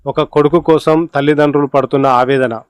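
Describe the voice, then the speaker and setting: A man's voice: a little high, fairly even intonation, a little fast, clear, resonant tone, no echo, natural voice. A man voicing a tearful middle-aged father pleading for his son in a storybook reading.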